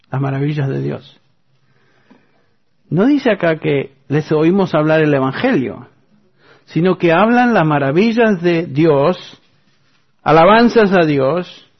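A man's voice: high voice, highs cut off. A man preaching a sermon who reads scripture aloud and keeps asking the congregation rhetorical questions.

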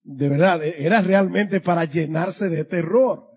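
With an unhurried, somewhat high voice that is a little mellow and slightly rough, a man pastors his congregation through an expository sermon. He speaks earnestly, letting his voice climb and dip for emphasis.

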